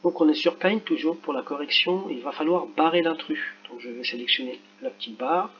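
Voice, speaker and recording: A male teacher correcting a reading exercise for children, talking slowly and carefully and spelling out each sound as he works. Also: a little high, lo-fi sound, slight background noise. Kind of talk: screen-recorded lesson correction.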